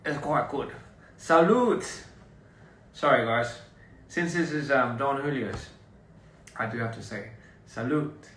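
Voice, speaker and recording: Livestreaming to fans, a young man from Australia whose first language is English rambles in a relaxed way, laughing as he goes. He speaks slowly at medium pitch with long pauses, and the distant phone mic in an echoey room adds a bit of hiss or hum.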